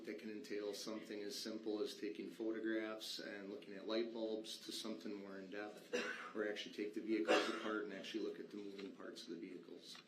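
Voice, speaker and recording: A man giving formal testimony as a witness, explaining his work in a matter-of-fact way. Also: lowish voice. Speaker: witness, state patrol vehicle inspector. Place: courtroom. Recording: echoey courtroom, faint noise.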